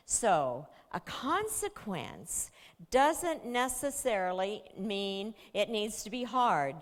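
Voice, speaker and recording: A woman's voice: mid-range voice, big pitch swings, takes it slowly. A woman giving a talk and telling a story in a conversational way, with fillers and restarts. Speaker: speaker. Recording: long hall reverb.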